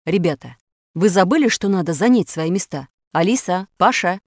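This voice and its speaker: A woman's voice: lowish voice, lively intonation, normal speed, dry recording, clean studio sound. A woman voicing a stern older male professor who scolds the children in a storybook reading. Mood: scolding.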